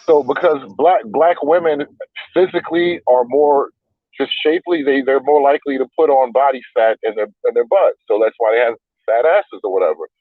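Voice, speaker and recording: A man calls in over a crackly, tinny phone line that keeps cutting out. He argues his point at length and repeats words as he works it out. His voice sits at a middling pitch, and the line is dry and close. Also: moderate pace, dry recording. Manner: argumentative, explains at length, repeats words while thinking. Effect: crackly phone line that fades in and out. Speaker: call-in panel guest. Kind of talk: casual debate on a call-in show.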